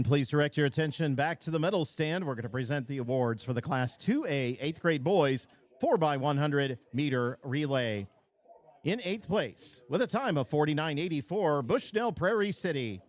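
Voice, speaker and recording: Lively man announcing medal winners. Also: a little high. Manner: slow, drawn-out name calls. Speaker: meet announcer. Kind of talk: PA awards announcing. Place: outdoor track meet.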